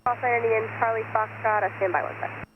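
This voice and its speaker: A man with a high, unvarying voice works as an air traffic controller. He delivers procedural instructions very quickly. The radio channel is thin and clearly noisy. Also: steady tone. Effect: aviation radio. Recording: tinny radio with clear noise.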